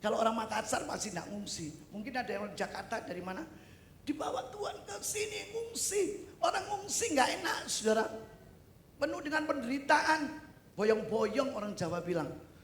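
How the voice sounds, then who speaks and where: A middle-aged woman from East Java, a pastor preaching a sermon in an animated way, with loud exclamations and humorous asides. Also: a little high, moderate pace. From East Java, Indonesia. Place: church service hall. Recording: echoey hall with faint noise.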